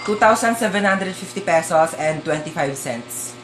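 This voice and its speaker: A woman performing comedy sketches, switching quickly between everyday characters and often breaking into loud exclamations. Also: lowish voice, animated, noisy background. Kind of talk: comedic skits playing several everyday characters. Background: music.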